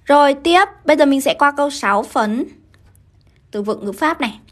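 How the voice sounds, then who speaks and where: Vietnamese woman, English teacher on a livestream, high voice, brisk questioning delivery. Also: expressive. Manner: brisk, keeps asking students to confirm. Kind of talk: live-streamed grammar lesson.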